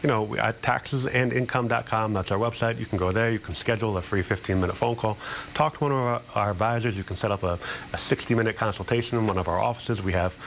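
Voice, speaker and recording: A man speaking as a financial planner guest, explaining and pitching in an informal, plain-spoken, conversational way. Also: fast talker, vocal fry, slight background noise.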